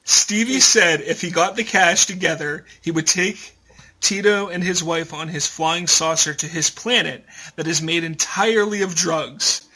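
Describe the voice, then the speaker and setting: A man's voice: a little high, unhurried, sharp tone, low-quality recording. A man hosting a casual comedy podcast, reading out a news story and laughing along. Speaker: podcast host.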